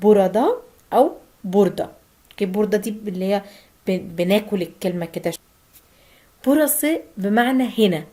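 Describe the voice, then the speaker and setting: Egyptian-accented woman teacher giving a lesson, steady explanations with slowed examples. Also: mid-range voice. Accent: Egyptian Arabic. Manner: slow, drawn-out Turkish example phrases between Arabic explanations. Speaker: Turkish language teacher. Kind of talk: language lesson.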